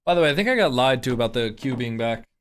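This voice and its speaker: The same game streamer speaks fast in a mid-range voice with a clean tone and lively intonation. His casual live-stream chatter meanders, full of filler words, false starts and indignation.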